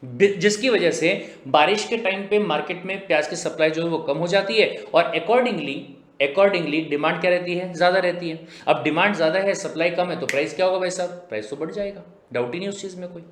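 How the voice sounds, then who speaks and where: A male coaching teacher giving a recorded lecture. He asks questions and answers them himself, and reads the English text slowly. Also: high-pitched, a bit bright. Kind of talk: recorded lecture explaining a textbook. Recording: echoey room.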